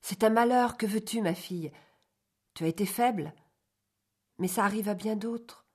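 A man reading an audiobook, voicing a gentle, patient young mistress of the house who speaks softly and coaxingly. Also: sits high, brisk, voice pushed up. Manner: soft, coaxing, conciliatory. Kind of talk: audiobook character voice.

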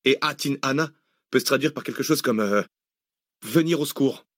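A man's voice: medium pitch, normal speed, a bit bright, no room sound, clean studio sound, pitched above the performer's own voice, natural voice. A man voicing a hesitant young militiaman. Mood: explaining. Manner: hesitant, explaining.

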